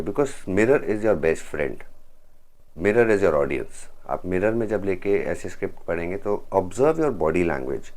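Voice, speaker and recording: A man with a very deep voice explains voice modulation to would-be voice artists. He talks in an instructive vlog manner and switches into English phrases. He stresses chosen words whenever he demonstrates a line. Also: darkish tone. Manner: mixes English phrases into Hindi, demonstrates lines with emphasis. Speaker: voice-over coach.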